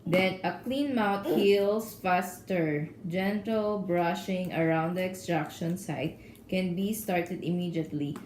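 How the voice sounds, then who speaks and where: A woman's voice: on the low side, slow pace, darkish tone. A woman, a mother, reading care instructions aloud in an instructive way and checking that she is understood. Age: adult. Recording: echoey room with faint noise.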